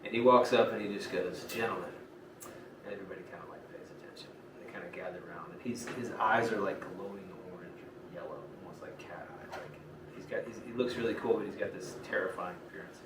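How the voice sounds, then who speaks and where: Low-voiced, laid-back dungeon master. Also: male voice, fast. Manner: casual, rambling, full of fillers. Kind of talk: narrating a tabletop game. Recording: roomy, distant, noisy home recording.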